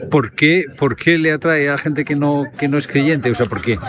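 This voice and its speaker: A man's voice: on the high side, moderate pace, a crowd in the background. Man reporting live outdoors. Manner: chatty, conversational questioning. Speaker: radio reporter. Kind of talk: street interviews and live field report. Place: outdoors in a city street.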